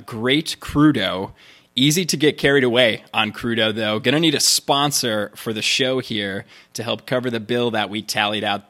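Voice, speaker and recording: Bright-voiced man hosting an interview. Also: mid-range voice. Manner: upbeat, enthusiastic interviewer. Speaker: podcast host. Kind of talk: casual interview chat.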